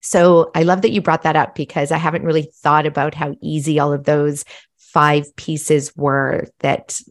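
Low-voiced woman telling her story. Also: moderate pace. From Malawi. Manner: animated, self-reflective storytelling. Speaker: guest. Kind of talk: casual storytelling.

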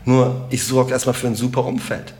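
A middle-aged man with a Rhineland German accent, a comedian chatting as a podcast guest in an animated, joking and emphatic way. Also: mid-range voice, brisk, faint music behind. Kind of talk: casual podcast conversation.

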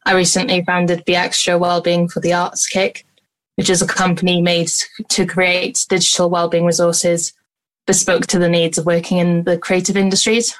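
A woman's voice: fairly low pitch, monotone, normal speed, low-quality recording. A woman from Wales with a Welsh accent, introducing herself informally. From Swansea, Wales. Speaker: creative practitioner in a discussion.

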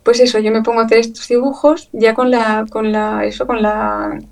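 A woman from Chile, a guest in an interview, telling her story in an emotional, animated way, full of fillers and quick laughs. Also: a little high, vocal fry, far from the mic, low-quality recording. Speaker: guest, illustrator. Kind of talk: conversational interview.

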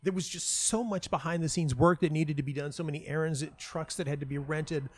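A man with a voice on the high side answers interview questions briskly and in a steady tone. As a playwright and audio dramatist, he rambles casually through anecdotes, often interrupting himself.

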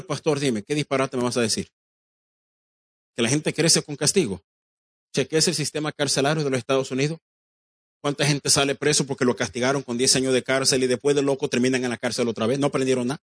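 A man's voice: mid-range voice, no room sound. Emphatic preacher man with a dry sound. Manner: emphatic preaching, addresses the congregation directly, acts out quoted dialogue; drops English phrases into Spanish. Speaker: pastor. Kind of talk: sermon.

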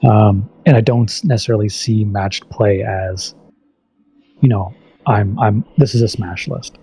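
A man talks casually on a podcast, his voice low, husky and mellow. He often restarts mid-thought and loops back to his point in a relaxed, conversational way. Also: a little slow, faint music behind. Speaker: podcast guest. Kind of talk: casual chat.

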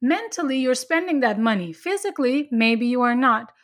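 A woman's voice: sits high, expressive, moderate pace. A woman chatting casually, earnestly explaining her spiritual beliefs at length with frequent restarts.

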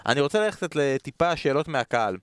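A man's voice: fairly high pitch, sing-song, clear, resonant tone, no echo. A man with an Israeli accent hosting a podcast, chatting casually with questions and teasing banter. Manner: joking, teasing. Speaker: podcast host.

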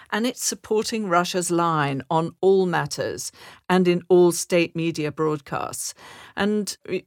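A woman from Zambia co-hosting a current-affairs podcast, giving measured, thoughtful analysis with occasional restarts. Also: on the low side, no echo, studio quality. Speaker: podcast co-host.

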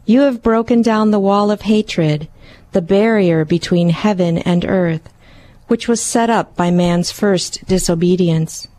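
A woman's voice: mid-range voice, unhurried, dark tone, no room sound. A woman who is a guest in a radio studio, speaking carefully and with some fillers. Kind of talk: radio interview and read prayer.

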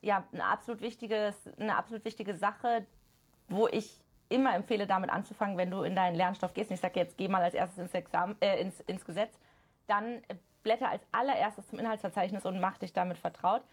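A woman speaking as a podcast guest, explaining study methods at a brisk clip. Her voice has a gravelly, slightly husky texture. She talks in a casual, animated way with plenty of fillers. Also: mid-range voice. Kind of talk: casual chat.

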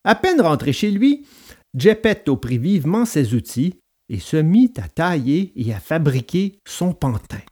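A male storyteller reads a children's tale aloud, his somewhat high voice husky at the edges. He leans into the drama and rides his pitch up and down with great energy. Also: unhurried. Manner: expressive, dramatic read-aloud. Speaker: narrator. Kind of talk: storybook narration.

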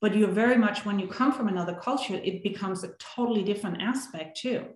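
A woman's voice: mid-range voice, fast. A woman from Denmark, a coach talking earnestly in a podcast conversation and often checking in with "right?". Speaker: guest, coach for high achievers. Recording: roomy, echoey sound.

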